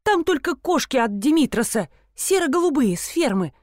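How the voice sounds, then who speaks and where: A woman voicing a dim, chatty female shop assistant who blurts things out loudly. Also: high voice, sing-song, moderate pace, dry recording, clean studio sound, voice pushed up. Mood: blurting. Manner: loud, simple, blurting.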